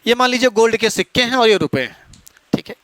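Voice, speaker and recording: A man with a very high speaking voice delivers a classroom lecture for exam students. He explains patiently and keeps asking his students rhetorical questions. The sound is dry and close. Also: animated, fast talker, a bit bright, dry recording. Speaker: exam-prep teacher.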